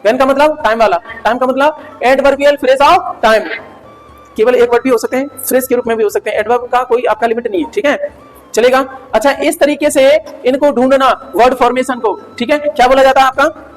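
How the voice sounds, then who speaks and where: A male grammar teacher giving an animated classroom lecture, quizzing students with quick questions and jokes. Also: very high-pitched, soft background music. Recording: hall reverb.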